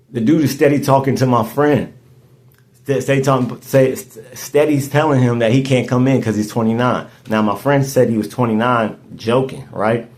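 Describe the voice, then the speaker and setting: Rambling through a story in relaxed podcast conversation, this host in his thirties often restarts what he's saying. He has a medium-pitched male voice with a somewhat dark tone.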